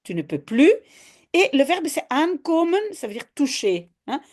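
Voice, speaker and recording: A woman explains a lesson step by step, patient and unhurried. Her voice sits a little high and moves lively up and down. She checks in often with a short "hein". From Belgium. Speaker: Dutch teacher. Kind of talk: online language lesson.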